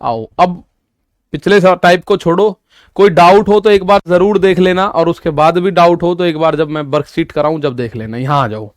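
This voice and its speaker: A male maths teacher walks his students through an exam problem step by step, repeating each key point. His voice is high and smooth. It is recorded close and dry, with no room sound. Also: fairly even intonation, normal speed, dry recording. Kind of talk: online exam-prep maths lesson.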